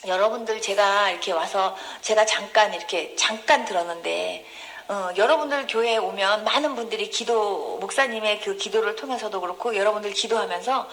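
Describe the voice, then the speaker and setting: A woman pastor preaching a testimony sermon in a church, emotive, breaking into high gasps and cries as she acts out scenes and questions the congregation. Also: a little fast, fairly bright tone. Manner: addresses congregation directly with questions.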